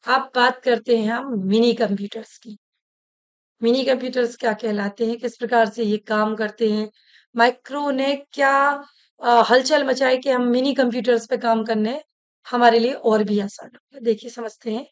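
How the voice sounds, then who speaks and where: A woman's voice: a little high, little pitch movement, normal speed. A woman teacher giving an online class lecture, chatty, telling anecdotes and often restarting her sentences.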